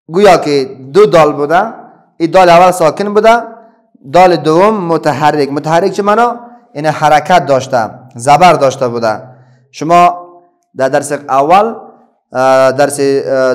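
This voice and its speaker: With a slightly high voice, a middle-aged Afghan Dari-accented man guides children through a reading lesson. He patiently puts questions to them and then answers those questions himself.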